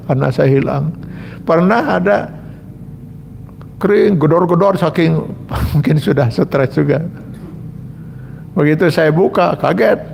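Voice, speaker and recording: A man's voice: a little high, vocal fry, darkish tone, a little hiss or hum. A man, an Islamic cleric giving a religious lecture and telling personal stories earnestly, speaking straight to his audience. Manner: earnest storytelling that addresses the audience directly.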